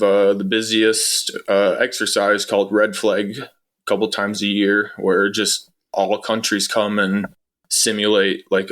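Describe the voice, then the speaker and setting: This man's voice is on the low side with a fairly bright tone. He's an interview guest, once an air traffic controller, responding to questions in an easygoing, matter-of-fact manner.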